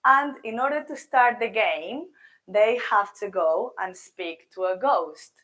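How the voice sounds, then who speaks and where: A woman's voice: mid-range voice, animated, slow, a bit bright. Woman presenting with a sore, swollen-throat voice. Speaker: language teacher and presenter. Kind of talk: seminar presentation of a virtual project.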